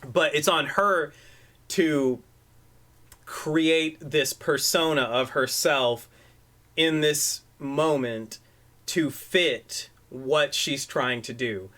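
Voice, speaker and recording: This man co-hosts a loose, casual podcast, talking in a bright, somewhat high voice. He rambles, swears freely, and acts out his points as he goes. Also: extremely slow. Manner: profane, rambling, demonstrative. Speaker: podcast co-host. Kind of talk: casual chat. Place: room at home. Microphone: desk microphone.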